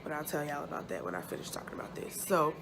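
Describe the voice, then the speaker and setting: A woman vlogger chatting casually and haltingly, sounding sore and uncomfortable after surgery. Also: deep voice, big pitch swings, creaky. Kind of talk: casual chat, personal update to camera. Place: hospital room. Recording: noticeable background noise.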